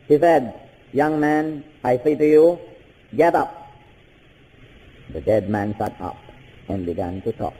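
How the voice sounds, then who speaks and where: An older man with a Filipino accent, preaching a sermon with animated bursts and switching between Tagalog and English. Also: a little slow. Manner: animated preaching with sudden high-pitched bursts. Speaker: pastor. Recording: hall with long reverb.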